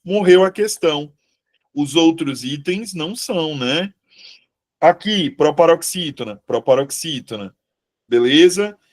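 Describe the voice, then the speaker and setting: A man's voice: fairly high pitch, expressive, unhurried. A man teaching a live online exam-prep class in Brazilian Portuguese, chatty, checking in with the class often.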